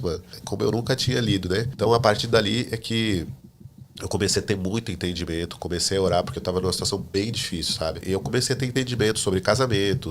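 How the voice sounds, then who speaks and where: A man telling his personal faith testimony as a podcast guest, a lively storyteller who acts out the dialogue he quotes. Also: lowish voice, vocal fry, slight background noise. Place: living in the United States.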